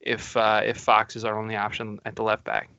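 A man's voice: fairly low pitch, monotone, a little fast, gravelly, bright, forceful tone, dry recording. A man hosting a casual football podcast, telling rambling anecdotes full of restarts. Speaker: podcast host. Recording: dull, dry lo-fi recording.

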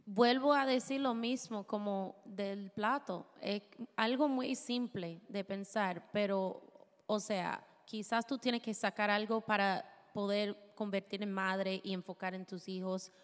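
A woman's voice: mid-range voice, steady tone, a little slow. A woman co-hosting a live podcast, chatting and switching between Spanish and English. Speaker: podcast co-host. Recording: reverberant live venue.

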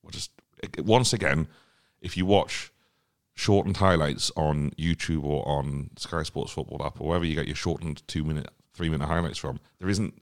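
Host role: man with a very low, gravelly voice who pauses and restarts as he talks. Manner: halting, searches for words. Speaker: podcast host. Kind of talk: casual football podcast chat.

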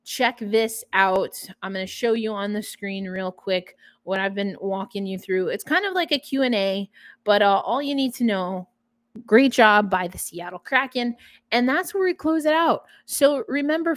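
A woman's voice: mid-range voice, measured pace, no echo. A woman with a New York accent hosting a casual hockey podcast, chatty and upbeat. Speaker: podcast host.

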